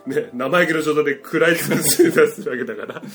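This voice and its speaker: A man co-hosting an amateur comedy radio podcast, telling stories with quick retorts in casual chat. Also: fairly high pitch. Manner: animated storyteller, quick retorts, laughs often. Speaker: podcast co-host.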